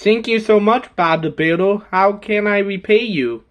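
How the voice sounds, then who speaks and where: A man's voice: sits high, measured pace, faint music behind. A man narrating and voicing silly characters in a toy role-play video in a goofy way. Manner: goofy, playing many characters.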